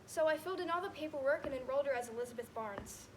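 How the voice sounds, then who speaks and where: A woman's voice: high-pitched, very fast, close to an everyday voice, rough recording. A young woman on stage playing a divorced grown son who tells stories about his mother and mimics her lines. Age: late teens. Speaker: student actor. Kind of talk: stage monologue. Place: school theater stage. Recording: hissy stage recording.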